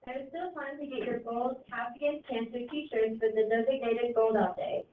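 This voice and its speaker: A woman's voice: a little high, fairly even intonation, moderate pace, slight background noise. Cheerful woman on a school intercom. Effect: heard over a school intercom. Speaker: school announcer. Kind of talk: reading upbeat school announcements. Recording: distant tinny intercom in an echoey room.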